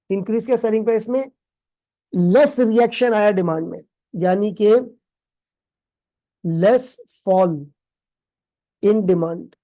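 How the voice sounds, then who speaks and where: A man teaches in a recorded exam-prep lecture. His voice is warm and mellow, and he mixes English terms into playful everyday examples. He keeps asking his students questions and repeating the answers back. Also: high-pitched. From Pakistan. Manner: calls students "beta", quizzes them with call-and-response questions. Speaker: accounting tutor.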